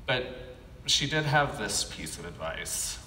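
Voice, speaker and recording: Standing at an indoor conference podium, a Californian man in his thirties, an animation artist, gives a keynote recounting his own life. His medium-pitched voice swings widely in pitch and sounds bright and forceful, moving in measured short phrases broken by pauses. The gooseneck mic runs through an echoey hall PA with faint noise behind it.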